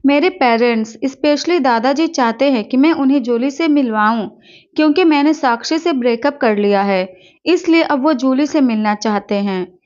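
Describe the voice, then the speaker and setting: A woman voicing a sweet, hopeful young college man who speaks gently and pleadingly. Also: high voice, moderate pace, lightly acted. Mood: earnest. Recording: dull lo-fi recording.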